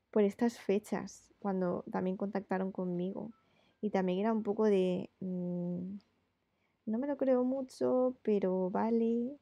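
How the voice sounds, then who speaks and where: Chatty woman with a gravelly voice. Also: mid-range voice, mellow, dry recording, dull audio. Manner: chatty, rambling with many fillers. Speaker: illustrator. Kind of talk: casual chat while drawing live.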